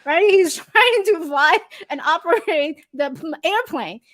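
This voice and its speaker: High-voiced woman from Taiwan, lively guest. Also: a little slow. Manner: animated, laughs often, simple non-native grammar. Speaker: podcast guest, storyteller. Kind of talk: casual interview chat.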